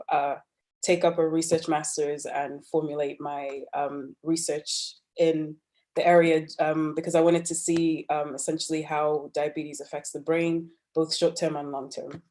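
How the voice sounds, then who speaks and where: A woman's voice: deep voice, little pitch movement, moderate pace, a little mellow. A woman in her twenties, from Uganda and raised in Belgium, speaking hesitantly with many fillers as a panelist on a video call. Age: 20s. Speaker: panelist, master's student. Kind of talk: online panel talk.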